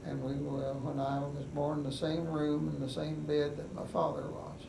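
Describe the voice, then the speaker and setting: An older veteran from West Virginia recalls his past for an oral history, his gravelly, slightly high voice completely flat in delivery. He speaks unhurriedly and haltingly, with many pauses and fillers. The mic is at a distance in an echoey, noisy room.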